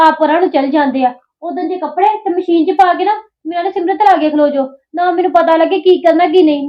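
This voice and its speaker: A young woman, playing a spoiled, sulky younger sister-in-law who complains a lot. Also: extremely high pitch. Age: early 20s. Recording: dull lo-fi sound.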